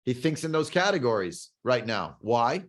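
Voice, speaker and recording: A man's voice: mid-range voice, very animated, normal speed. A man teaching a Bible class over a video call, digressive, full of fillers and rhetorical questions. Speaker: Torah teacher.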